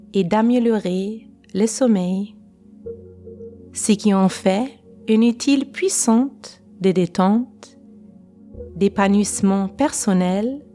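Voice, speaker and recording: A woman who teaches guided meditation speaks slowly and calmly through a relaxation exercise, pausing between short phrases without rushing. Faint music sits behind her mid-range voice.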